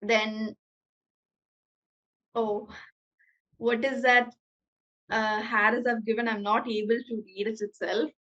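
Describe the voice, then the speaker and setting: A woman's voice: on the high side, flat delivery, drawn-out words, pauses often, sharp tone, highs cut off. A woman with a Malayali accent teaching an online English class over a video call, mixing English and Malayalam with frequent hesitations. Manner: switches between English and Malayalam, hesitant fillers.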